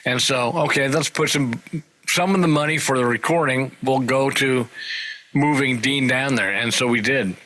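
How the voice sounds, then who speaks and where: An older man in his sixties hosts a podcast and chats casually, wandering through jokey anecdotes and side comments. His voice is bright, with a forceful edge. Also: medium pitch, normal speed, rough recording. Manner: rambling, jokey anecdotes with asides. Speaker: podcast host. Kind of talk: casual interview chat.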